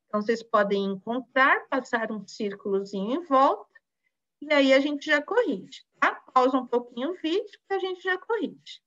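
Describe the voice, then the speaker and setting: A woman teacher with a Brazilian Portuguese accent talks slowly and patiently to young children in a recorded online lesson. Her voice sits a bit high and moves up and down a lot. The sound is somewhat dull and lo-fi. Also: expressive, a bit bright. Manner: slow, patient, encouraging, with many diminutives. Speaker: primary school teacher.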